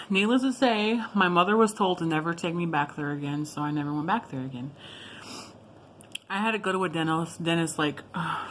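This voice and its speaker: Lower-pitched woman telling a personal story. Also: a little hiss or hum. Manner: informal, rambling, with asides and self-corrections. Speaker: video blogger. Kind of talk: casual personal storytelling to viewers.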